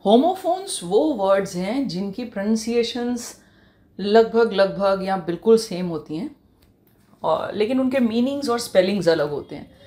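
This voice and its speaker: Lively Indian woman teaching English. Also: mid-range voice. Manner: explains slowly, spells words letter by letter. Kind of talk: online language lesson.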